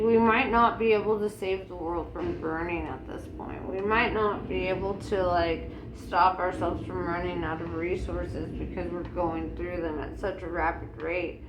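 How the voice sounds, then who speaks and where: A woman in a loose, tipsy, rambling casual rant, swearing freely as she talks. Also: fairly low pitch. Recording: echoey room with faint background noise.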